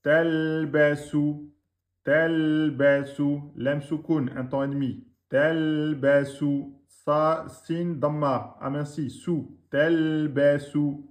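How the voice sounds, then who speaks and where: Guy teaching reading, slow careful drills, voice sits a bit high. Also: little pitch movement. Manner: slow careful drilling of syllables, quick asides between. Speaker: Arabic teacher. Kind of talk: recorded reading lesson.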